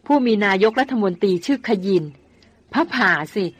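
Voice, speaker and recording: A woman's voice: a little high, normal speed, breathy edge, no echo. A woman voicing a grown man, a former army officer who answers with mock-humble teasing.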